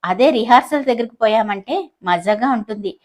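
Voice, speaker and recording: A woman's voice: fairly high pitch, expressive, moderate pace, natural voice. A woman voicing a playful, gossipy young college girl who talks in a teasing, sarcastic way. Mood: bored.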